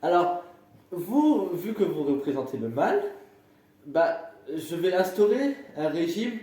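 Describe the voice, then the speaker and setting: A man's voice: high-pitched, very animated, slow, warm tone, exaggerated voice. Man playing Martin, a blustering sailor candidate. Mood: bossy. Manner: hesitant, blustering, full of fillers. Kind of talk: amateur comedy sketch. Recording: very echoey room.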